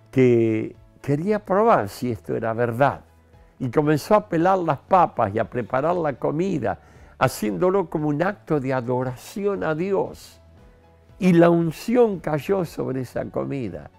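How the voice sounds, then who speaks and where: Older male pastor, studio sermon to camera, emphatic and animated, gravelly tone, unhurried. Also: mid-range voice. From Argentina. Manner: animated, emphatic, talks with his hands. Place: studio set with city backdrop. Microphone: lapel mic.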